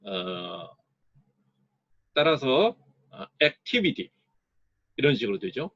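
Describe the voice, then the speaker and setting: Husky-voiced man teaching English stress. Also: medium pitch, sing-song, a bit bright, dry recording, dull audio. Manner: explains slowly, sounding out words to model stress. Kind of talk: recorded lecture.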